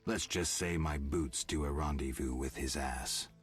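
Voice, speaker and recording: An actor playing a gruff, stoic warrior for hire in a video game, terse and deadpan. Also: male voice, rumbling low, unhurried, soft background music. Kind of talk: video game dialogue acting.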